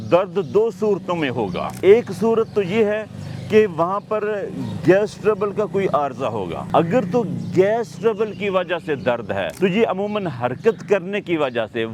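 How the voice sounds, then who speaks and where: A man's voice: fairly high pitch, a little hiss or hum. A man with a Pakistani Urdu accent, explaining home remedies for pain to viewers in an instructive way. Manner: lively, instructive, self-correcting. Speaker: health advice presenter.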